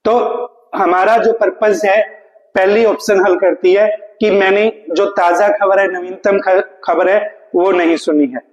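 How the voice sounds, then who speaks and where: A male English teacher, running an exam-prep lesson, asking questions and answering them himself, reading English sentences slowly. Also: sits high, steady tone, muffled recording. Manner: questions then answers himself, calls students "beta", reads English lines slowly. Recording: echoey room with long reverb.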